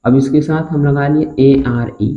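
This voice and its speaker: A man's voice: medium pitch, fairly even intonation. Man teaching with echoey, tinny sound. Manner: spells out words slowly and keeps asking the class to repeat. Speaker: English teacher. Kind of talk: classroom-style spoken lesson. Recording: echoey room on a tinny, phone-like line.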